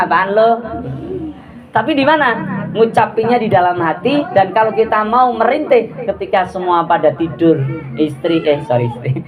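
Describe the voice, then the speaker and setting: A woman giving a religious talk to a group of women, lively and chatty, often asking her listeners questions. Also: fairly low pitch, narrow, tinny audio. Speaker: religious teacher. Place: prayer gathering hall with audience. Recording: audience murmur behind.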